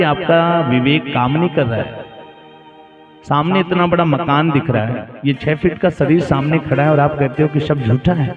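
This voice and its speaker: Male preacher, higher-pitched, sermon with audience questions, tinny phone-like sound, music behind. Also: echoey room. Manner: storytelling, acts out dialogue, rhetorical questions to the audience. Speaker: katha preacher. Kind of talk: devotional sermon. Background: instrumental music.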